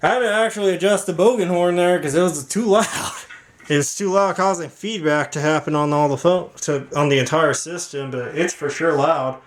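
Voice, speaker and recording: A man speaking at normal speed with a fairly high pitch hosts a relaxed demonstration video set in home rooms and a workshop. His narration rambles and starts and stops. The recording has plain room noise punctuated by clicks.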